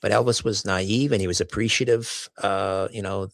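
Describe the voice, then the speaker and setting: A man in casual conversation, relaxed and anecdotal. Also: lowish voice, moderate pace, no room sound. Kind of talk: casual chat.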